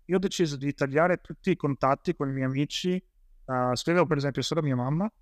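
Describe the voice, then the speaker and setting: A man's voice: on the high side, fast, dry recording. A man from Italy, a police officer, telling his story as an interview guest in a rambling way with many fillers and restarts.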